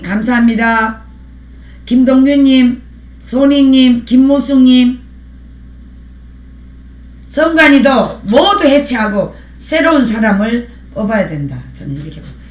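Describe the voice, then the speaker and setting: A woman's voice: high voice, animated, measured pace, roomy sound. A woman hosting a live stream, speaking in a fiery, preachy way and thanking viewers by name as she reads their comments. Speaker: livestream host.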